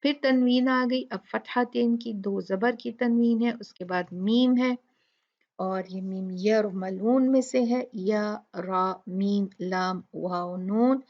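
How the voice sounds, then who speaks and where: A woman teaching a Quran recitation lesson. She explains each letter methodically and models slow recitation. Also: mid-range voice. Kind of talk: tajweed tutorial. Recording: dull lo-fi recording.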